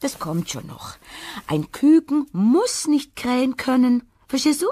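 A woman's voice: sits high, sing-song, unhurried, dark tone, full character voice. An actress playing a fussy, chatty grown hen who hems and stammers while she fusses over a chick in a radio play. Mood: fussing. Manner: flustered, fussing, hemming.

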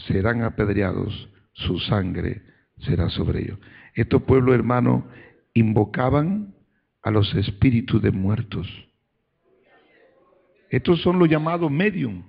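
Male pastor, gravelly voice, preaching sermon, dull lo-fi recording. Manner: preaching with rising, shouted calls to praise; reads scripture aloud in a low, measured voice.

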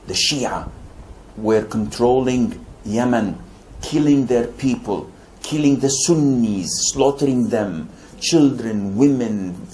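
A man's voice: on the low side, a little hiss or hum. An older Saudi man answering audience questions as an Islamic preacher, speaking animatedly. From Saudi Arabia. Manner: animated, gestures widely with both hands. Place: indoor study room. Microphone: lapel mic.

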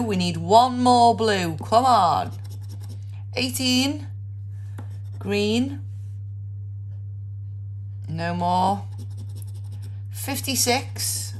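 A woman's voice: mid-range voice, expressive, very slow, pauses often. A woman calling out numbers playfully in the manner of a bingo caller, with traditional rhyming nicknames. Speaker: host of a scratch card video.

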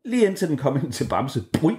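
A man's voice: a little high, big pitch swings, darkish tone. A man improvising a bedtime story for children, narrating playfully and animatedly with sound effects and ums.

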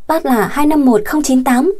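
A woman's voice: high-pitched, normal speed, warm tone, voice pushed up, lightly acted. A woman reading the part of a betrayed young woman who pleads for help and scorns her deceiver, in an audio story. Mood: urgent. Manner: pleading and contemptuous.

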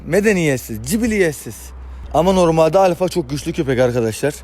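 A young man with a slightly high voice chats casually to his viewers outdoors, breaking off to give his dogs short commands. Dogs can be heard in the background. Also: a little mellow, a little hiss or hum. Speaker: dog owner and vlogger. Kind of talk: casual outdoor vlog commentary.

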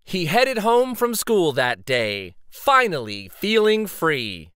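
A man hosts a picture book read-aloud, narrating a children's story with drama and taking his time, with theatrical pauses to build suspense. His pitch swings widely and his voice is smooth and a bit bright. The recording is dry, with no room sound.

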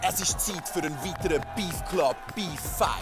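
A man hosting as a boxing ring announcer, a showman with drawn-out introductions. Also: sits high. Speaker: host and ring announcer of a cooking contest. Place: industrial hall with studio audience. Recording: loud music behind the voice.

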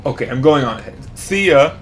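A man's voice: medium pitch, expressive, fairly quick, soft background music, lightly acted. Man putting on a brash Russian-accented spy lady. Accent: put-on Russian.

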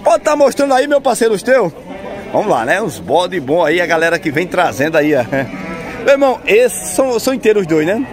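A man's voice: high-pitched, big pitch swings, brisk, over music. A man vlogging at an outdoor livestock market, chatty and upbeat, asking sellers their prices and repeating them. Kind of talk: casual walk-around vlog with interviews. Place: crowded outdoor goat market. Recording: loud market crowd behind.

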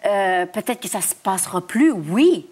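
Woman, mid-pitched, reflective interview guest, pauses to find words. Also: lively intonation, darkish tone, breathy edge. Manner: thoughtful, searching for words. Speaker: actress guest.

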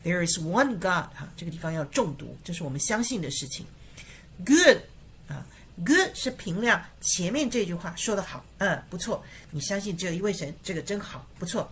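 Low-voiced woman teaching slow English. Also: expressive, a bit bright, slight background noise. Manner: slow deliberate reading, word by word. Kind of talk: Bible verse English lesson.

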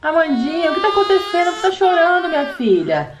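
A woman's voice: very high voice, very animated, fast, noisy background, voice pushed up. A woman voicing a patient mother in a doll play story, coaxing and soothing, often saying the child's name.

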